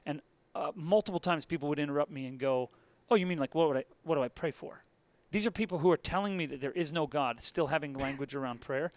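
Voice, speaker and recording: A man's voice: on the high side, fast, hardly any pauses, no echo. An American man hosting a podcast interview in a casual, wry and rambling conversational style. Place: basement room of a convention center.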